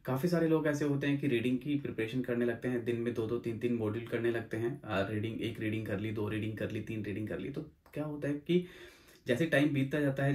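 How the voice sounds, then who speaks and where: A man's voice: medium pitch, darkish tone. A young man who hosts his own channel, explaining exam tips in a casual, repetitive way and mixing in English phrases. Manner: rapid, repetitive, mixes English phrases into Hindi. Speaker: OET exam coach and channel host. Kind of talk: casual explanatory video talk.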